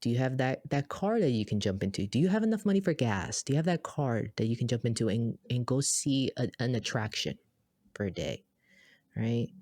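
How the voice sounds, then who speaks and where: A woman from Boston co-hosting a podcast, telling stories in an animated, emphatic, casual way. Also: rumbling low, a little fast, no echo, clean studio sound. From Boston, USA. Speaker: podcast co-host.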